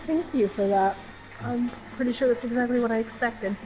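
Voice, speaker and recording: A woman's voice: fairly high pitch, a little fast, warm tone, soft background music, low-quality recording. A woman interviewer with a dry, teasing manner, asking questions in an in-character interview.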